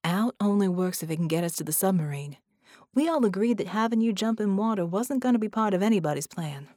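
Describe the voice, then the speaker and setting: A woman reads a grown woman with a level, practical voice, close to her own plain tone. It is calm and direct, recorded dry with no room echo. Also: mid-range voice, quick pace, lightly acted. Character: steady adult woman illusionist.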